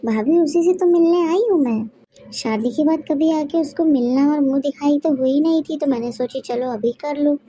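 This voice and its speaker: A woman voicing a chatty, nosy neighbour lady in a cartoon story, talking in a loud, gushing way. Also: sits high, moderate pace, a little hiss or hum, lightly acted.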